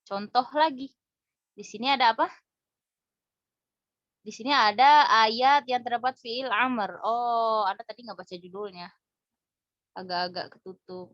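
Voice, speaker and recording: A woman teaches Arabic reading with patience, walking through each point and slipping in quick asides. Her voice sits fairly high. She is recorded dry and close on a phone, and the sound is dull and lo-fi. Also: fairly bright tone, dry recording. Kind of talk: casual explanatory lesson.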